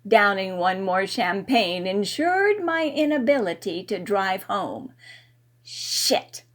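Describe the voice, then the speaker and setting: A woman narrating a first-person story in an expressive, playful way. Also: medium pitch, unhurried.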